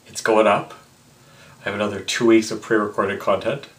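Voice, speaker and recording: Low-voiced tipsy young man, rambling. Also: steady tone, fairly bright tone, slight background noise. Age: 20s. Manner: rambling, halting, repeating himself, mock-indignant asides. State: tipsy from drinking. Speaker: vlogger. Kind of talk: casual rambling vlog to camera. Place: small indoor room with block wall, seated close to camera.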